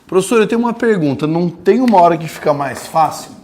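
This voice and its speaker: Guy doing an eager student asking teacher a question, voice jumps up high. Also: expressive, quick pace, a little mellow, slight background noise.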